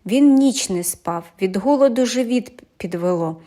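A woman reading a fairy tale aloud in an animated, expressive storytelling manner. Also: on the high side, unhurried.

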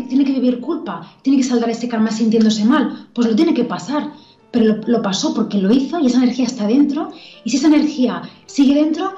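A woman's voice: on the high side, mellow, echoey room, dull audio. A woman, a spiritual teacher telling a story in casual spoken teaching, chatty and laughing often, with many restarts.

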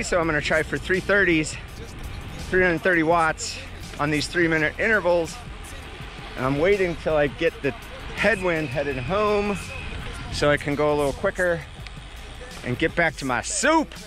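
Here a cycling vlogger in his forties talks at normal speed in a slightly high, sharp voice. He's loose and self-mocking on camera while cooking at home, then heads out on his road bike. The action camera, bike-mounted or held close, picks up his voice over background music.

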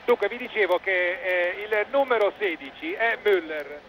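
A man's voice: sits high, expressive, moderate pace, a bit bright, a little hiss or hum. An Italian man giving live football match commentary in clipped phrases, rising with the play, on an old television broadcast.

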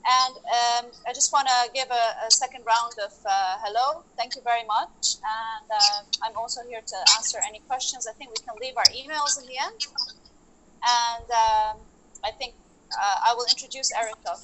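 A woman's voice: a little high, moderate pace, sharp tone, poor audio. A woman in her thirties introducing herself on a video call as an investment advisor, polite with hesitant restarts. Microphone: laptop mic on a video call.

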